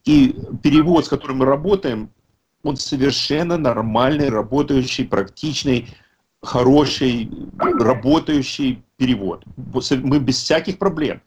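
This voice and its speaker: A man in his fifties with a mid-range voice speaks at a normal pace at an online recovery meeting, and the audio is lo-fi with a faint hiss or hum. He was raised in a Russian-speaking country. His talk is casual, rambling, and emphatic, and he frequently corrects himself mid-sentence.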